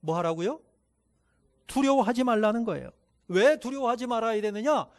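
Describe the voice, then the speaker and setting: With an extremely high pitch and lively intonation, a pastor delivers his sermon. He leads the congregation in joint reading, reads scripture with slow emphasis, and adds quiet asides between passages.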